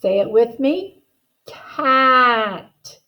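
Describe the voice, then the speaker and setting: Slow, higher-pitched woman modeling speech sounds. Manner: instructive, checks understanding with short tag questions. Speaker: reading teacher. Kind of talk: guided phonics lesson.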